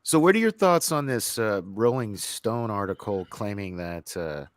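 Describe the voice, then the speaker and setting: Man, panel guest, lower voice, laid-back, hesitant. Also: lively intonation, moderate pace. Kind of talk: casual live-stream chat.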